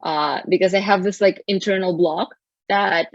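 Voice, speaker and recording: A woman's voice: fairly low pitch, fairly even intonation, normal speed, no echo. Woman co-host, casual and encouraging, dry close sound, slightly dull audio. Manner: earnest, encouraging, many fillers. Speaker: podcast co-host. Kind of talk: casual podcast chat.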